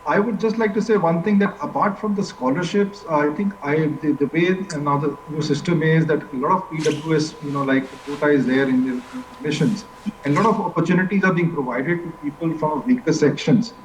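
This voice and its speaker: A man's voice: on the high side, fairly quick. Hesitant Indian man, echoey distant audio. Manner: hesitant, frequent "you know, like". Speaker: panel guest. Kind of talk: panel discussion remarks. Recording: echoey, distant, faintly noisy call.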